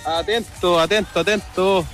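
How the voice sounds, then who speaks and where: A man's voice: high voice, fairly even intonation, normal speed, a bit bright, soft background music. A man heard as if over a two-way radio call, like a walkie-talkie, speaking in clipped radio talk that repeats its call words. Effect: two-way radio call, like a walkie-talkie over a helmet radio. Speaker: caller sending a voice message.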